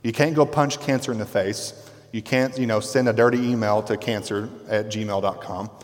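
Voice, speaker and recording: A pastor preaching a sermon in a conversational, emphatic way, dropping to quiet intensity on key words. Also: male voice, lowish voice, fairly even intonation, moderate pace. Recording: long reverb from a hall.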